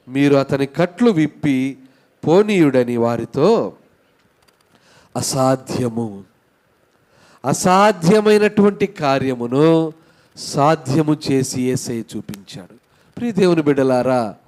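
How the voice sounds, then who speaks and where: A man's voice: mid-range voice, darkish tone. A man with a Telugu accent preaching a church sermon as pastor, rising in emphasis and asking his congregation questions.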